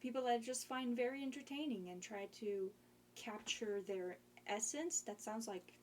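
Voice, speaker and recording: A woman's voice: a little high, moderate pace, slight background noise. A young woman streamer in casual chat, rambling and hesitant with lots of fillers.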